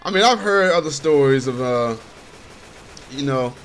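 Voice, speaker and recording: A man's voice: mid-range voice, lively intonation, measured pace. A man talking casually over gameplay from his bedroom, chatty and laid-back and laughing often. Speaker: gaming commentator.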